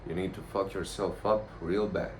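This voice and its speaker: A man giving a casual, rambling vlog monologue in a blunt, profane, halting way. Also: low-pitched, steady tone, darkish tone. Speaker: vlogger. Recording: noticeable background noise.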